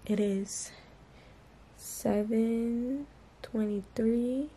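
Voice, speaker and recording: A woman's voice: fairly high pitch, drawn-out words, dark tone, slightly rough. A teenage girl from Boston chatting casually and slangily straight to her viewers in a vlog. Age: teens. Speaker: vlogger.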